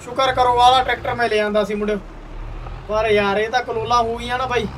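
Young male gamer, very high voice, hearty matey banter, recorded a bit away from the mic. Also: level tone, fast talker, fairly bright tone. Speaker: gaming video host. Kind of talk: casual gameplay commentary. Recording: distant mic, faint background noise.

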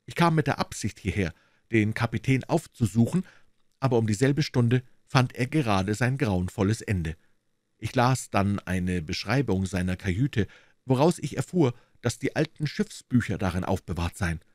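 A man's voice: fairly low pitch, animated, moderate pace, darkish tone, dry recording, studio quality, pitched above the performer's own voice, close to an everyday voice. A man voicing a nervous young man who explains himself to the police in a storybook reading. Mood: confessing.

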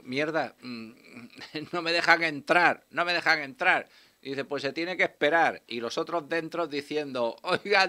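A man in his sixties hosting a radio show, delivering a sardonic, swearing comic monologue and bantering with a guest in a small studio. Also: mid-range voice. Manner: sardonic, animated, swears freely. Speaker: radio host. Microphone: studio mic with headphones.

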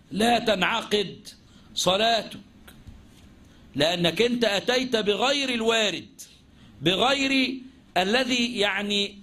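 A man's voice: high voice, pushed and bright. A man with an Egyptian accent teaching Islamic jurisprudence, asking and answering his own questions and mixing formal and colloquial speech. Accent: Egyptian Arabic. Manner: mixes formal classical phrasing with colloquial speech. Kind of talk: religious lesson.

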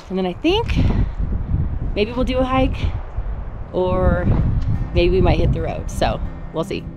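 A middle-aged woman chats casually to a phone held at arm's length outside, relaxed and full of fillers. Her voice is somewhat low, and clear outdoor noise from the open air sits behind her. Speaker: travel vlogger. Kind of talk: casual chat to camera. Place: outdoor parking lot.

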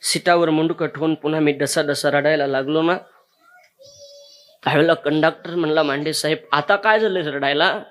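Speaking straight to his listeners, a man preaches a kirtan sermon and tells a moving story with real emotion. His voice is fairly high and a bit bright, at a normal speed.

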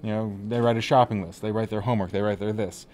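A man's voice: on the low side, fairly even intonation, fast, a little mellow. A man hosting a casual interview, teasing his guest and asking rambling questions. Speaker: interviewer host. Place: author venue room.

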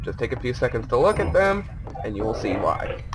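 A man's voice: mid-range voice, very animated, brisk, background noise. A young man hosting a gameplay video with friends, joking and rambling in casual commentary, with game sounds and voice chat behind. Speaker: gaming video host.

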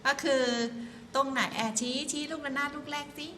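A woman's voice: high-pitched, little pitch movement, normal speed, pushed and bright. A woman teaching a science lesson to a class, prompting the students with questions. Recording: echoey room with faint background noise.

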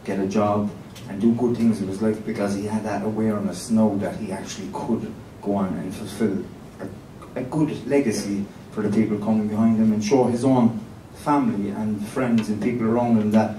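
A man's voice: steady tone, normal speed, few pauses, dark tone. A man in his thirties with an Irish accent, speaking informally as a co-presenter at an event. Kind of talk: informal talk to an audience. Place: conference room with an audience. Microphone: handheld microphone. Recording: echoey distant room, faint rumble.

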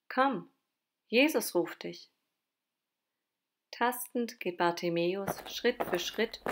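A woman's voice: fairly low pitch, background noise. Woman narrating a children's Bible story. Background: guitar music.

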